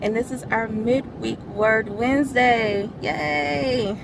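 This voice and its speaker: Giving a midweek devotional, this woman, who runs her church's media ministry, speaks slowly in a higher-than-average voice with some vocal fry. Key words get emphasis, her volume climbs as she unpacks scripture, and she laughs softly between points while background noise carries on.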